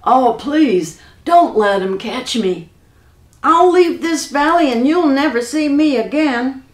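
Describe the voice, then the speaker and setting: Here is a big, gruff, boastful giant with folksy country talk, as a woman reading a story puts him on. The delivery is unhurried and sits fairly high, and the voice carries in an echoey room. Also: very animated. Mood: pleading.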